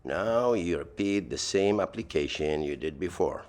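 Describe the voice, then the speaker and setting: A man's voice: low voice, animated, unhurried, a little mellow, faint music behind. A middle-aged man from Lebanon with a Lebanese, Middle Eastern accent, doing a playful scripted voice-over for a tutorial with dry humour. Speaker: voice-over narrator of a hair tutorial.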